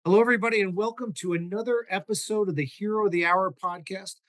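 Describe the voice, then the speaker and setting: A man's voice: high-pitched, fast talker, fairly bright tone, dry recording. A man hosting a podcast interview, rambling and casual, with many restarts. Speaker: podcast host.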